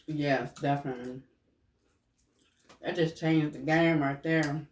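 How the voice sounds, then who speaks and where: A woman's voice: low-pitched, steady tone, a little slow. A woman chatting casually while eating in a mukbang, chewing noisily and murmuring between bites. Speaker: mukbang co-host. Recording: roomy, distant mic with noise and clicks.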